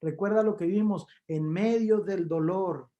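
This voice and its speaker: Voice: mid-range voice, unhurried. Dramatic evangelistic preacher. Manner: dramatic storytelling, swinging from loud emphasis to hushed tones; addresses listeners warmly as brothers. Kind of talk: evangelistic sermon.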